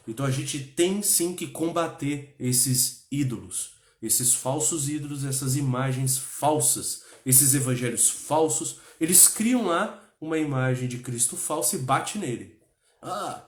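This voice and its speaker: A man's voice: mid-range voice, measured pace, few pauses, reverberant. Impassioned Brazilian man teaching religion. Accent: Brazilian Portuguese. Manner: impassioned, repetitive, frequent "né?" tags. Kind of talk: religious class talk.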